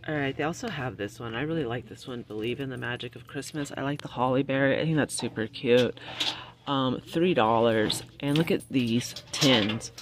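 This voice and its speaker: A woman's voice: a bass voice, moderate pace, background noise. A woman, chatting casually through a store as she shows off cute finds on a handheld phone. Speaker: shopping vlogger. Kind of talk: casual shop-with-me commentary. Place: retail store aisle. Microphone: handheld phone camera.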